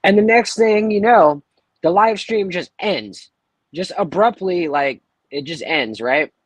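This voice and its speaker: Fields: Sex: man. Role: livestream caller. Style: casual storytelling. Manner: animated, acts out quotes. Pitch: slightly high. Sound: dry, close livestream headset audio. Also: measured pace, slightly rough, no echo. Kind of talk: casual chat, telling a story.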